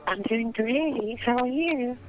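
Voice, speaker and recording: A woman's voice: a little high, slow pace, soft background music, low-quality recording. A woman calling in to a comedy show, talking in a flirty, brassy, sassy way. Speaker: caller. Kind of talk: comedic call-in banter.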